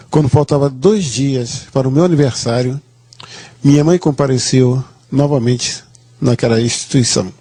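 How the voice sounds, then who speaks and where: A man's voice: medium pitch, mellow, husky, dry recording. A man giving a personal testimony to a church audience, telling his story earnestly and restarting phrases as he goes.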